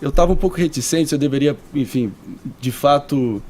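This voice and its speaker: A man's voice: fairly high pitch, fairly quick, a little mellow, slight background noise. A young man guesting on a radio studio interview, talking in an earnest, articulate way. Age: young adult. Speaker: guest impressionist. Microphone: studio radio mic.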